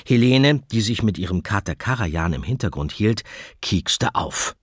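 A man narrating a children's audiobook in an expressive storytelling manner. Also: low-pitched, moderate pace, breathy edge, no echo, clean studio sound.

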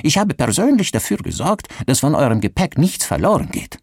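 Guy putting on a high slow creepy-polite innkeeper voice, hunched old storybook type, dry close sound. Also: big pitch swings, a little mellow, slightly rough, no room sound, full character voice. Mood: ingratiating. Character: hunched fawning male innkeeper, tip-hungry. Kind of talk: audiobook character voice.

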